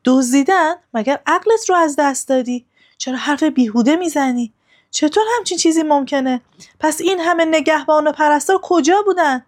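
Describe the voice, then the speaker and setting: A woman's voice: lively intonation, darkish tone, close to an everyday voice. Woman voicing a distraught noble mother. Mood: angry. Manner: high, cried-out, demanding lines. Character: grieving noble young mother, quick to anger.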